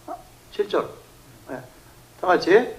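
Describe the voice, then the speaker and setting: A man's voice: sits high, slow pace, low-quality recording. A male pastor preaching an emphatic revival sermon in a church, leading the congregation in reading. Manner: emphatic, animated, acting out shouted prayers. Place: church sanctuary.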